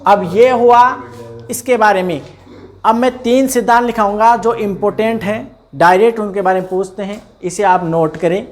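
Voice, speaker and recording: Give me a man with a very high voice dictating a biology lesson to a class. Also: moderate pace, darkish tone. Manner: repetitive, tells students to look and write along. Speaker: teacher. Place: classroom with students.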